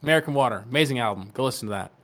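A man's voice: medium pitch, lively intonation, rapid-fire, a bit bright. A man in casual podcast chat, rambling with many fillers and firm opinions.

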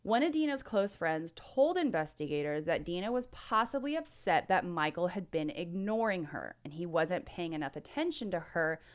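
A woman's voice: fairly low pitch, lively intonation, moderate pace, hardly any pauses. A woman co-hosting a true-crime podcast, telling the case in casual chat and laughing often. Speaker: podcast co-host.

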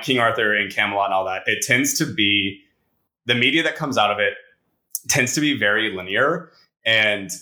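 A man's voice: mid-range voice, bright, forceful tone. A man co-hosting a casual podcast, talking in an enthusiastic, rambling way peppered with "like". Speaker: podcast co-host. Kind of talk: casual chat.

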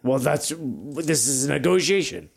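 Guy at a tabletop rpg, creaky voice, middle pitch, casual back and forth as a player. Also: sing-song, a little slow. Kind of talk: casual in-character table talk.

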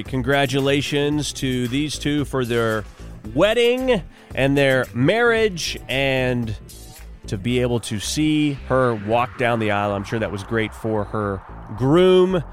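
A man hosting a morning radio show in upbeat, folksy, exclamatory patter. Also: medium pitch. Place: radio studio.

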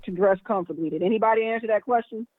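High-voiced man on a clipped phone line. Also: racing, dry recording. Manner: blunt, exasperated, swears freely. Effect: clipped, breaking-up phone line. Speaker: podcast co-host. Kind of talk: casual chat. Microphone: phone call. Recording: tinny phone line, dry.

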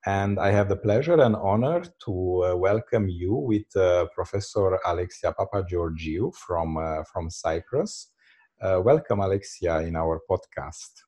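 A man from Belgium hosts a podcast and introduces his guest, pausing often on fillers. His voice is low and mellow. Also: husky. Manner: halting, many fillers. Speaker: podcast host. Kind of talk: podcast interview.

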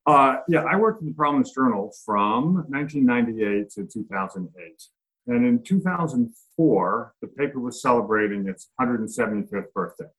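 A man, an author and reporter, answering interview questions in a relaxed way with frequent fillers. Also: mid-range voice, moderate pace, low-quality recording.

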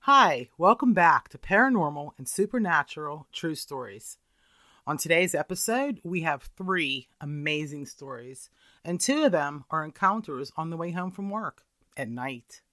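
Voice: medium pitch, lively intonation, measured pace, pushed and bright, no echo, studio quality. A show host reading scripted true stories of the paranormal as a narrator.

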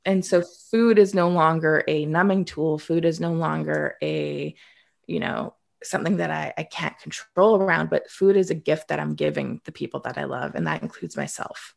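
The interviewee, a woman of roughly thirty from Canada, has a low-pitched, creaky voice and talks at a moderate pace. Reflecting openly on her story, she adds the occasional dry, sarcastic remark and keeps restarting her sentences.

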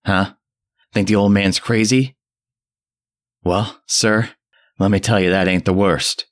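A man voicing a terrified old drunk who rants in a shrill, cracking old voice and a rustic dialect. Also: steady tone, slow pace. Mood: goading. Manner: rustic old New England dialect, ranting. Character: terrified old male drunk, rambling and frantic.

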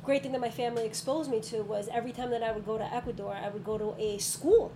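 A woman's voice: on the high side, fast talker. A woman school counselor chatting casually in an interview, telling stories with frequent ums. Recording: steady background noise.

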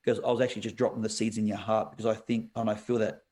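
A man, a pastor telling a personal story in a podcast interview, animated and quick to laugh. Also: lowish voice. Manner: animated storyteller, laughs often, says "bro".

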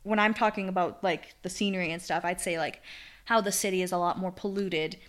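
A woman's voice: lowish voice, fairly even intonation, a little fast. A young woman co-hosting a podcast in casual chat, easygoing and often laughing. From grew up in a city and in Portugal. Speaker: podcast co-host.

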